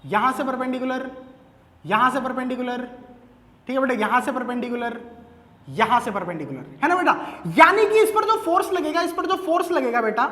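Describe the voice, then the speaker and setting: High, playful male teacher lecturing in an echoey classroom, chatty and repetitive. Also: animated, a little fast, sharp tone. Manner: acts out dialogues with students. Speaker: physics teacher. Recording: echoey room with long reverb.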